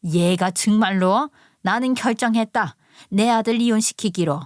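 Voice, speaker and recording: A woman's voice: mid-range voice, measured pace, no room sound, clean studio sound, natural voice. A woman voicing a domineering older mother-in-law who talks in a bossy, scornful, scolding way.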